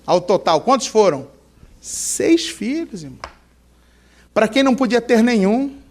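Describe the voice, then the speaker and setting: High-voiced, animated male preacher. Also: measured pace. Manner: animated, acts out scenes, asks the congregation questions. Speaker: pastor. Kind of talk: sermon.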